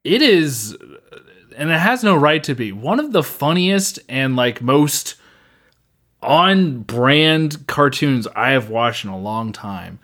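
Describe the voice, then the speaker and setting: A man's voice: mid-range voice, big pitch swings, slow, a bit bright. A man co-hosting a podcast in casual chat, rambling with many fillers and restarts. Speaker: podcast co-host.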